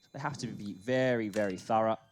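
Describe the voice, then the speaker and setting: A man's voice: fairly low pitch, brisk, a little hiss or hum. Male esports caster calling a match live. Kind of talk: live esports commentary, play-by-play and analysis.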